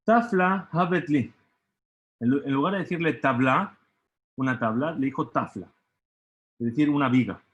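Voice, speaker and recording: A man's voice: medium pitch, moderate pace, long pauses, slightly rough. A man teaching a Talmud study lesson who keeps asking "¿sí?" and trails off into hesitant fillers. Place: study hall. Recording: dull lo-fi recording.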